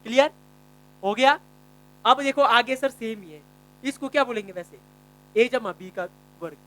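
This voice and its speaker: A male math teacher giving a classroom lesson, quizzing students by name and repeating key phrases slowly. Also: very high-pitched, a bit bright, low-quality recording.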